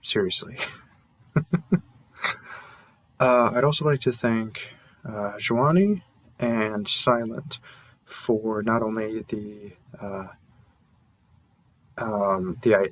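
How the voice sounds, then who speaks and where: An audio roleplay creator and performer thanks his listeners in a casual, unscripted way. His voice is lowish, fairly bright and slightly rough, and he speaks earnestly and hesitantly with trailing asides.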